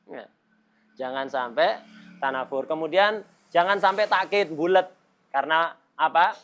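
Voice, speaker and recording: A middle-aged male religious teacher lectures a class in a loose, joking tone. His voice sits a little higher than most men's, and Arabic terms run through his everyday talk. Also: unhurried, a bit bright.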